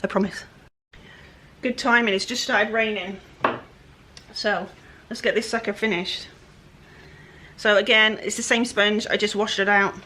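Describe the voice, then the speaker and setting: A woman's voice: medium pitch, fairly even intonation, measured pace, pushed and bright, a little hiss or hum. Woman, West Country English accent, chatty DIY vlogger, rambles and pokes fun at herself. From England-Wales border, UK. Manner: chatty, rambling, self-deprecating. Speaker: furniture flipper. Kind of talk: casual DIY vlog narration.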